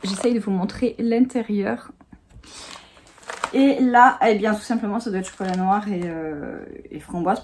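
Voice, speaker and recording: A woman's voice: on the high side, dark tone, a little hiss or hum. A woman in her thirties chatting casually while she unboxes at home, with lots of fillers and little laughs. She is sitting on a small sofa in her home office and recorded by the camera. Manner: chatty, giggly, many fillers. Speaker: vlogger.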